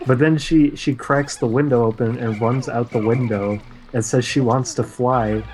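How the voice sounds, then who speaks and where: A man chatting casually on a stream, retelling a cartoon episode in a rambling way with frequent "uh" pauses. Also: medium pitch, fairly even intonation, darkish tone, rough recording. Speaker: stream co-host. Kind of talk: casual chat recapping cartoons.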